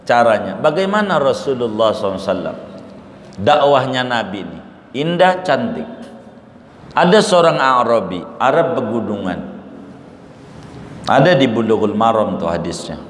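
A middle-aged male Islamic preacher, telling stories in a lively, colloquial sermon and acting out the dialogue. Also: on the low side. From Banten, Indonesia. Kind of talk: sermon with storytelling. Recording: echoey hall with faint noise.

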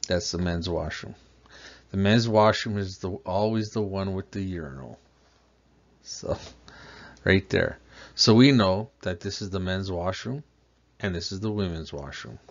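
With vocal fry and long pauses, a man whose voice sits low speaks a little slowly as he narrates a slideshow plumbing lesson. The instructor patiently explains step by step and asks the listener questions; the voice-over sounds dull and lo-fi.

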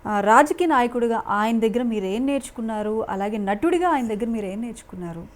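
A woman's voice: on the high side, expressive, fast talker. A woman interviewing an actor, asking polite questions and affirming with short hums.

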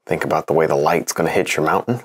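A man's voice: extremely low pitch, fast talker, slightly rough. A young man giving a casual painting lesson in a home studio, chatty and self-encouraging, laughing often as he works. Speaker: painting instructor.

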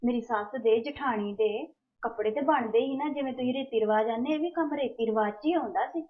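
A young woman playing an anxious, timid young wife who pleads softly with her husband and her mother. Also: fairly high pitch, a little fast, natural voice. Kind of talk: amateur family drama acting. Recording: tinny, phone-like recording.

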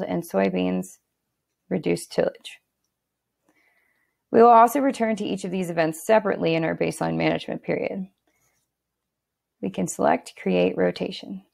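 A woman narrates a screen-recorded software walkthrough in a steady instructional tone, with a few fillers and restarts. Her voice is fairly low and creaky.

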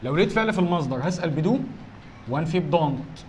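During an exam review lesson, a man with an Egyptian Arabic accent teaches English, asking and answering his own questions and frequently checking "alright?" with students. He sounds animated and rapid-fire, his voice on the high side with a darkish tone, against slight background noise.

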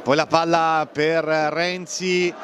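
A man's voice: a little high, little pitch movement, takes it slowly. An Italian man giving live play-by-play commentary on a football match. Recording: faint stadium crowd and outdoor noise. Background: football crowd and outdoor ambience.

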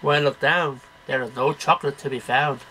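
Reading poems line by line with a sing-song, declamatory delivery, this middle-aged amateur has a mid-range voice that sounds pushed and bright. His intonation stays fairly even and his pace runs a little fast. A webcam at about arm's length in his small, cluttered bedroom produces poor audio with a little hiss or hum.

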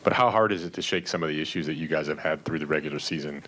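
A man's voice: rumbling low, very fast, fairly bright tone. A man, a sports reporter asking a wordy, detailed question at a press conference.

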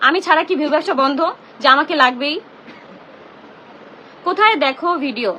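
A woman's voice: sits high, brisk, sharp tone, a little hiss or hum. A young woman, ranting indignantly on a live stream from her phone at home. She keeps repeating herself and confronts the people she blames. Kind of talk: emotional live-stream rant.

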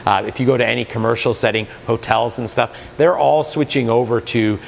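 This earnest man in his forties, with a Canadian accent, talks a little fast as he demonstrates products and explains hot tub care to camera at a spa supply store. His lapel-mic delivery is mid-range and creaky, riddled with fillers and restarts. There's a long reverb tail and slight background noise.

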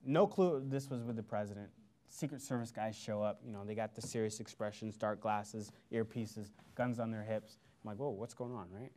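Man telling a lively motivational story. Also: fairly low pitch, moderate pace. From Missouri, US. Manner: storytelling, animated quoted voices. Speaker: guest speaker. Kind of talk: motivational speech. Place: lecture hall before an audience.

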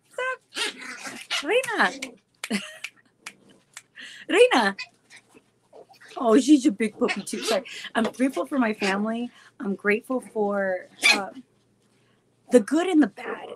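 Woman vlogger, casual chat to viewers, giggly and goofy, mid-pitched voice, faint hiss in the background. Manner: giggly and goofy, laughs often; chatty with many fillers. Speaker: wrestler vlogger answering fan questions.

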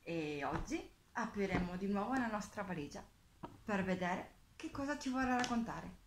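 A woman reading a children's picture book aloud, expressive and playful, with spoken sound effects. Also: mid-range voice, normal speed, noisy background. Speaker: children's storyteller. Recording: echoey room.

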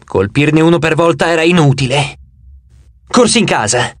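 Male audiobook narrator, animated and expressive, fairly high voice, dry studio sound. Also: normal speed, no echo. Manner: dramatic, animated reading. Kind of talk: first-person audiobook narration.

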